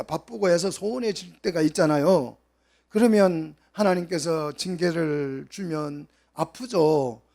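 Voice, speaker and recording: A man preaching a Bible exposition sermon, questioning the congregation and swinging between soft asides and loud, emphatic peaks. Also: high voice, gravelly. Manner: asks the congregation questions and acts out quoted voices.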